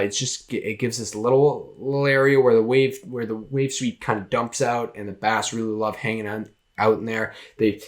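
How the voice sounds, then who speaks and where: A young man with a Massachusetts accent hosting a casual solo podcast, rambling with many fillers and restarts. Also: lowish voice. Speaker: podcast host.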